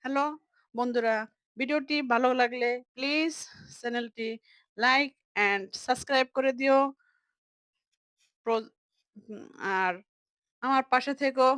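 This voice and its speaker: A young woman teaching a lesson, slowly explaining and repeating words as she breaks them into parts. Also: sits high, steady tone, fairly bright tone, no room sound, low-quality recording.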